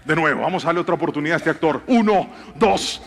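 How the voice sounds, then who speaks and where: High-voiced pastor in a reverberant hall. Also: male voice, fairly even intonation, very fast. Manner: theatrical, directs volunteers on stage. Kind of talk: sermon. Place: large church hall with audience. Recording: long hall reverb, faint music.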